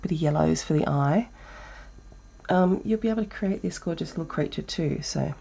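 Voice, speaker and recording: Her voice deep and made croaky and breathy by a chest cold, an Australian woman who teaches art talks through a laid-back live drawing lesson, musing out loud at a normal speed.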